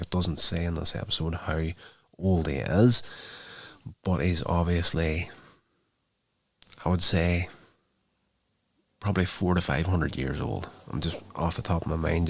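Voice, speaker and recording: A man's voice: low voice, gravelly. A man hosting his own show, casually retelling a TV episode in a loose, rambling way with many fillers. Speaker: show host reviewing a TV episode. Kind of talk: casual spoken recap.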